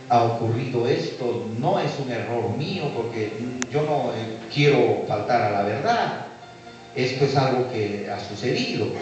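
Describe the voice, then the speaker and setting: A Peruvian man, a pastor, telling a story in a sermon and acting out every voice in it. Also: mid-range voice. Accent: Peruvian Spanish. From Peru. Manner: animated storytelling, acts out dialogue. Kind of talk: sermon testimony. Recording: echoey hall, distant mic, dull sound.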